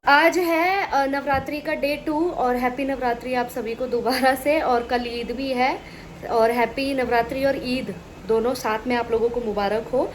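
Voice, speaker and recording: Woman, sick with a cold, casual vlog chat, rambling, talking to viewers, slightly high voice, faint background noise. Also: steady tone, a little slow, poor audio. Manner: chatty, rambling, addresses viewers directly. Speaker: vlogger. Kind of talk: casual family vlog narration.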